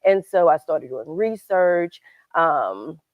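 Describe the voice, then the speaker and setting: A woman's voice: deep voice, expressive, takes it slowly, no room sound. Enthusiastic fifty-something woman on a tinny line. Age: 50s. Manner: enthusiastic, many ums. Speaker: guest, fitness coach. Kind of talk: casual interview chat. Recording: tinny phone-like sound.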